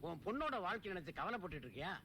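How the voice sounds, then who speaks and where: A sly, teasing village friend. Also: male voice, high-pitched, big pitch swings, racing, bright, forceful tone, slight background noise, exaggerated voice. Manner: teasing, knowing banter. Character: sly middle-aged village friend, joking. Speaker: comic film character. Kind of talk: comic film dialogue.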